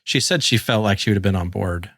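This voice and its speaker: A man co-hosting a casual movie podcast, reacting expressively and quick to exclaim. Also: on the low side, a bit bright, dry recording, studio quality. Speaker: podcast co-host.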